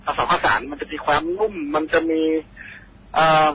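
A Thai man calling in to a radio show, telling a ghost story in a halting, earnest and polite way. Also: a little high. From Thailand. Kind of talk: phone-in storytelling. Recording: dull phone line with faint hiss.

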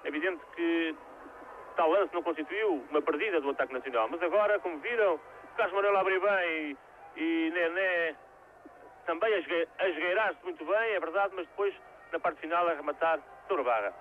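A man with a European Portuguese accent giving measured, formally worded live football commentary. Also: a little high. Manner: formal, wordy phrasing. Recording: tinny, very noisy 1980s TV broadcast. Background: loud stadium noise.

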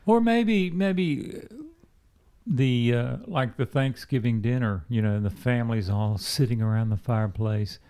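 A man's voice: mid-range voice, a little slow, warm tone, clean tone. A man co-hosting a podcast, chatting casually with dry, teasing quips. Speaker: podcast co-host. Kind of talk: casual chat.

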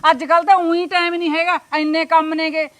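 An actress playing a sharp-tongued, middle-aged visiting aunt in a Punjabi short drama, complaining and scolding with indignation. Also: female voice, extremely high pitch, flat delivery, fast talker. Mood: indignant.

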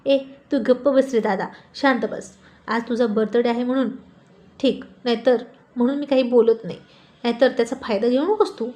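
A spoiled younger sister who whines and pleads, sulky with her brother, voiced by a woman narrator. She sounds pampered and quick to pout. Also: fairly high pitch, a little mellow, lightly acted. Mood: pouty. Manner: whiny and pleading.

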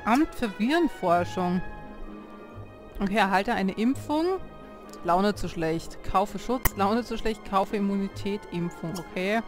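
A woman's voice: mid-range voice, unhurried. A woman hosting a life-sim let's play, chatting casually, talking to her game characters and reading menu options aloud. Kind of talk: casual gameplay commentary. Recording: clear game music behind the voice.

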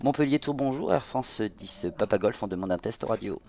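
A man's voice: mid-range voice, expressive, a little fast, darkish tone, muffled recording. A man chatting casually as he plays a flight simulator as pilot, hesitant and repeating words while thinking aloud. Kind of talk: casual chat while playing.

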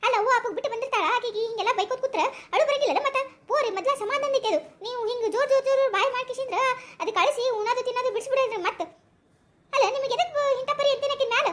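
A woman playing a middle-aged mother-in-law with a North Karnataka accent, arguing in rapid rural chatter in a comic sketch. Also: extremely high pitch, fairly bright tone. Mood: pleading. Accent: North Karnataka Kannada.

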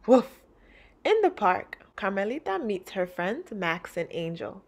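Lively woman reading a picture book. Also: a little slow, vocal fry. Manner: lively, puts on high voices for greetings. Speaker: teacher reading aloud. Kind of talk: children's picture book read-aloud.

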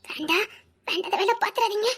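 A woman's voice: extremely high pitch, a little fast, a bit bright. A young woman acting a scared student who insistently refuses a man's advances, tearful at times, in a web drama. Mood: pleading. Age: young adult.

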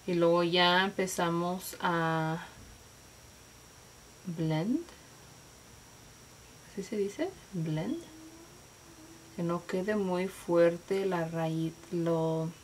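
A woman talks through a makeup tutorial in a relaxed, chatty way, dropping in English words. She speaks at an unhurried pace. A faint hiss runs under the recording. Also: lowish voice, poor audio. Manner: slangy, mixes English words, chatty and playful.

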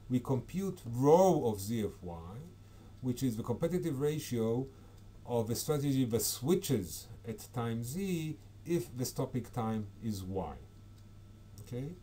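A man's voice: medium pitch, warm tone, a little hiss or hum. A man giving an academic conference talk over slides, hesitant, with frequent fillers and self-corrections. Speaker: conference presenter.

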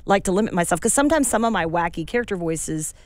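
A woman voice actor chatting as a guest in a casual interview, animated and full of restarts. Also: on the low side, quick pace, no room sound.

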